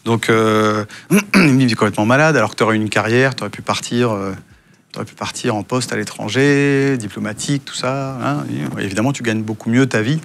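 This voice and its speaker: A man's voice: medium pitch, a little fast, creaky, a bit bright. A man from France recounting his past work in a casual interview, with many hesitations, and acting out the dialogue he quotes. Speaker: guest, former intelligence officer.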